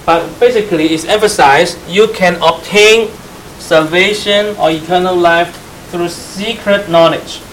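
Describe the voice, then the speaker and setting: Man teaching church history, slightly high voice. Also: unhurried, fairly bright tone, slight background noise, rough recording. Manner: spells out terms letter by letter and quizzes listeners; glosses terms in Chinese. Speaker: Bible teacher.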